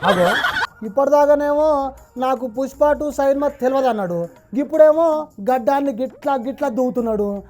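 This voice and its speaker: A woman's voice: high voice, normal speed, mellow. Teasing woman host with a Telangana accent. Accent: Telangana Telugu. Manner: teasing, mock-deferential, scolding. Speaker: host of a satirical interview show. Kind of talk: comic mock interview.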